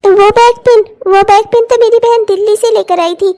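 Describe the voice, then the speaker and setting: A woman's voice: extremely high pitch, steady tone, moderate pace. Woman voicing a meek young bride, pleading. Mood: hesitant. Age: young adult. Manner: soft, pleading and put-upon. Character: meek, newly married young wife. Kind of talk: cartoon voice acting.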